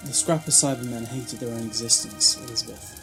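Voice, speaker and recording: A man as the Doctor, mid-pitched, reflective, over music. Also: steady tone, natural voice. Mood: reflective, grave. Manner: measured, theatrical, philosophical. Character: the Doctor, philosophical alien time traveller, reflective. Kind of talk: audio drama acting.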